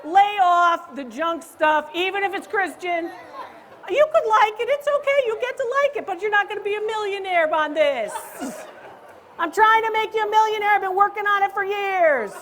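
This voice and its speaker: A woman who appraises antiques and hosts a comedy show, teasing and ribbing her audience loudly and playfully on a live stage. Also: very high voice, animated, moderate pace, some chatter behind. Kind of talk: live stand-up style crowd banter.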